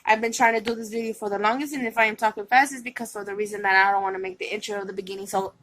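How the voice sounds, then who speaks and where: A woman's voice: medium pitch, fairly even intonation, racing, a bit bright, slight background noise, low-quality recording. A woman vlogging to her viewers, chatting in a rambling way with many fillers and restarts, and sounding tired. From California. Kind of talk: casual vlog chat.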